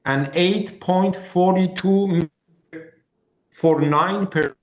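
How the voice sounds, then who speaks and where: A man speaking as an applicant at a hearing over a remote call whose audio keeps breaking up, in halting, broken-off phrases. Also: high-pitched, echoey room. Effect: call audio breaking up and cutting out. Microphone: remote call from a phone or headset.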